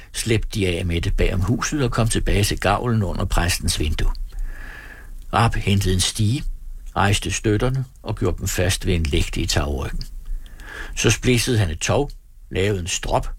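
A man narrating an audiobook in a steady storytelling read. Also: on the low side, slightly rough, dry recording. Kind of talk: scripted narration.

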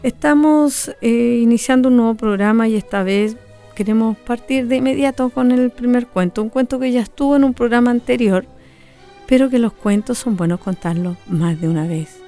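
A woman's voice: mid-range voice, warm tone. Woman radio host. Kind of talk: radio presenting.

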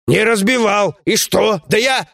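A man voicing a fat bearded cave-dweller, loud, boisterous and quarrelsome. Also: sits high, a little slow, gravelly, voice pushed up, full character voice. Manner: loud mocking squabbling.

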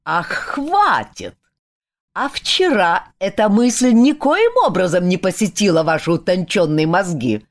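A woman's voice: lowish voice, very animated, unhurried, a little mellow. A woman reading a huge, blunt warrior who growls and scolds with open scorn. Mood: angry, scornful.

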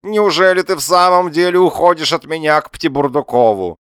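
A man's voice: a bit bright, clean tone, no room sound, studio quality, natural voice. A man doing a wailing, self-pitying husband. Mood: pleading wail. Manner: high, nasal, drawn-out whining declamation.

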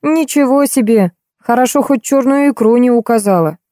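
A woman's voice: a little high, normal speed, warm tone, no room sound, clean studio sound, pitched above the performer's own voice, close to an everyday voice. Woman voicing a snapping, scolding housekeeper. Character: harsh, scolding female housekeeper, middle-aged.

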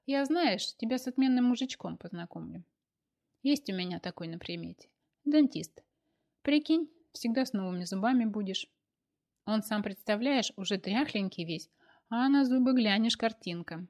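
Woman reading as a bossy, teasing girlfriend in a storybook, lively and high. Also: moderate pace. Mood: conspiratorial. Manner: pushy, teasing, interrupting. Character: chatty bossy young woman friend.

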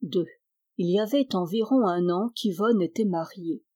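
A woman reads an old folk tale aloud in a calm, measured storybook manner. Her voice is warm and mellow, pitched in a middle register. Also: breathy edge. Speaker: narrator. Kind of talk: storybook reading.

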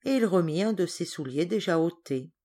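A woman reading a children's novel aloud as audiobook narrator, slow and expressive. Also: on the low side. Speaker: audiobook reader. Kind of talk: storybook narration.

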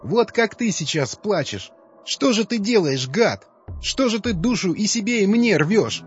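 Guy doing a young survivor guy, pleading, high strained voice, rough talk, dull dry recording. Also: big pitch swings, a little fast, faint music behind. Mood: bitter. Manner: blunt, rough-spoken. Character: young adult male survivor, anguished and pleading.

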